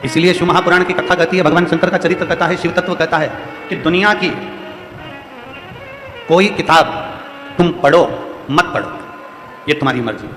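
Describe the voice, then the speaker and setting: A man's voice: on the high side, moderate pace, long pauses, fairly bright tone. Male preacher, central Indian Hindi accent, exhorting, repetitive cadence, echoey live hall. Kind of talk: devotional sermon to a crowd. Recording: echoey hall with faint music.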